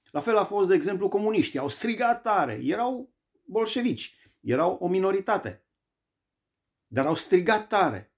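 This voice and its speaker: Guy preaching, gravelly voice, hammers on repeated lines. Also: sits high. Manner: emphatic, repeating phrases for stress. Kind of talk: sermon.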